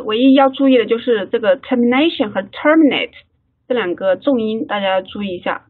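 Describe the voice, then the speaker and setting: A woman leading an online study-group lesson, slowly repeating English phrases for the group to drill. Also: mid-range voice, breathy edge. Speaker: English class leader. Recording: phone-like online call audio.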